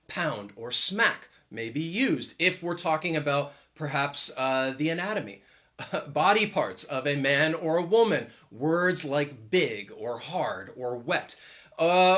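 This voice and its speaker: A man giving an explanatory video lesson as an English teacher, clear and deliberate, stressing key words. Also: fairly high pitch, fairly bright tone.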